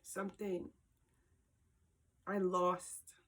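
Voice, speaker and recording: A woman speaking slowly and earnestly in a personal vlog, emotional and near tears, repeating words for emphasis, filmed on her own camera at home. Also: fairly low pitch, flat delivery. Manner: slow, heartfelt, emphatic repetition. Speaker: vlogger. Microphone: handheld camera.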